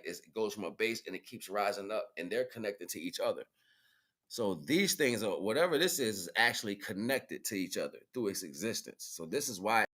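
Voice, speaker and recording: A livestream host with a low, slightly bright voice gives casual commentary. His talk is informal and slangy, and he repeats phrases for emphasis.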